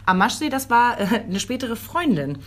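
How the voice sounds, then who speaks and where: A woman's voice: on the high side, normal speed. A woman in her thirties telling everyday stories in casual chat, acting out the voices she quotes. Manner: lively storytelling, acts out quoted voices.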